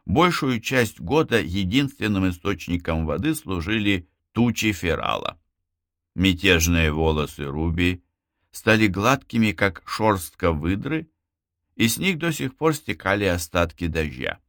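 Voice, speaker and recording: A man with a deep, low voice narrates an audiobook, recorded close and dry with no room sound. His reading is expressive and often jumps up in pitch to stress a word. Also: a little slow, no room sound.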